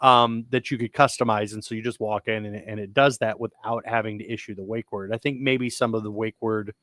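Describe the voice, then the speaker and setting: A man co-hosting a podcast, chatting casually and rambling with frequent restarts as he talks excitedly about sci-fi technology. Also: lowish voice, brisk, no echo. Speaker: podcast co-host. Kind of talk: casual chat.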